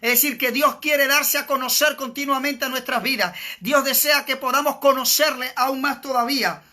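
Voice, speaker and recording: Evangelist guy preaching hard, high bright voice, keeps hammering the point. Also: fairly even intonation, normal speed. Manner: urgent, repetitive, exhorting. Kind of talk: sermon.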